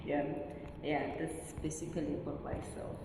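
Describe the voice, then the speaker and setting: A woman's voice: deep voice, little pitch movement, normal speed, dark tone. A woman from Zimbabwe, a PhD candidate, answering podcast interview questions earnestly with easy laughs. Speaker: guest, PhD candidate in agricultural science. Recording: echoey room, mic at a distance, noisy.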